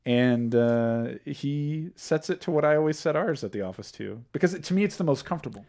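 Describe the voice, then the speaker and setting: A man hosting a podcast, retelling scenes in an animated way and laughing often. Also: fairly high pitch, a little fast. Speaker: podcast host. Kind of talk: casual recap chat.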